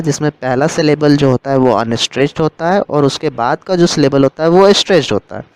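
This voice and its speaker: A man's voice: a little high, a little mellow, smooth, no echo, poor audio. A man teaching a literature lesson, explaining terms step by step and rephrasing them as he goes.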